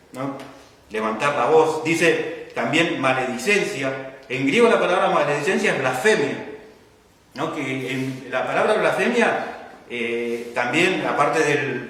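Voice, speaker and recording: In a church hall full of echo, recorded from a distance, a man with an Argentine accent delivers a sermon in a mid-range, fairly bright voice. He teaches patiently and keeps checking in with frequent "¿no?" tags and questions to the congregation.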